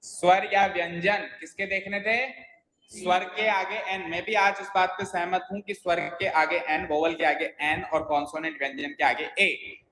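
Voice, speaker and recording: A man's voice: sits high, flat delivery, normal speed, bright, forceful tone. A man teaching an English grammar class, quizzing students by name and coaxing them to listen closely. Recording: echoey roomy sound.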